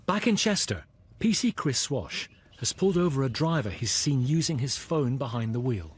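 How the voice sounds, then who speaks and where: A man's voice: medium pitch, animated, moderate pace, slightly rough. A British man narrating a documentary from a script in the dramatic manner of a tabloid TV host. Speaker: narrator of a police documentary series. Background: loud music and vehicle noise.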